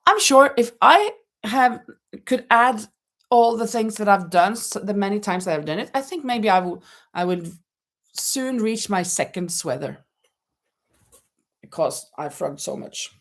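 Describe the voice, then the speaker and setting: In a laid-back live crochet chat from home in Spain, a middle-aged host laughs frequently and reads viewers' comments out loud. She speaks expressively in a mid-range, slightly bright voice, a little slowly and with long pauses.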